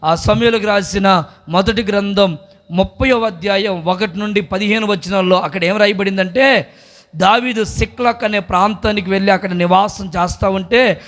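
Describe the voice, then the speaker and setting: A man preaching a sermon as pastor at a church service, swinging between loud exhortation and soft pleading. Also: high voice.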